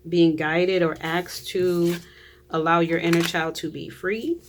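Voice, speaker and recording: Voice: mid-range voice, little pitch movement, slow, slight background noise. A tarot reader giving a casual reading to viewers, chatty, often trailing off and restarting, with frequent laughs.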